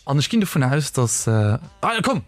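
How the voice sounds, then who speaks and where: A man's voice: mid-range voice, big pitch swings, moderate pace, a little mellow. A man with a Luxembourgish accent co-hosting a podcast, chatting loosely with plenty of fillers and telling a joke. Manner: loose and rambling, many fillers. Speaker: podcast co-host. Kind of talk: casual chat, telling a joke.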